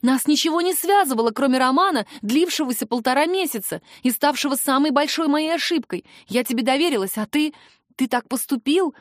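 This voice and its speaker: A woman playing a sharp-tongued, indignant young woman. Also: high-pitched, animated, brisk, no room sound, studio quality, pitched above the performer's own voice. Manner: heated, sarcastic retorts. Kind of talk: audiobook dialogue reading.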